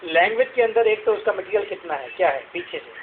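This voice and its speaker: High-voiced male teacher, tinny classroom recording. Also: lively intonation, fast, a little hiss or hum. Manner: explains with repeated questions and examples. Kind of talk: classroom lecture.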